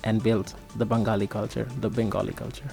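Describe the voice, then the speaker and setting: Man, measured explainer, flat delivery, faint music bed. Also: on the low side, creaky. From Bangladesh. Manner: measured, explanatory, many fillers. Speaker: radio guest. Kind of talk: casual explanation.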